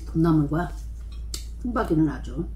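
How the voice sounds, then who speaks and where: A woman talking while chewing as she eats on camera, softly describing her food in a casual eating vlog at home. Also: sits low, lively intonation, echoey room, background noise. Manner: soft, unhurried, describing food between bites. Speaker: mukbang vlogger.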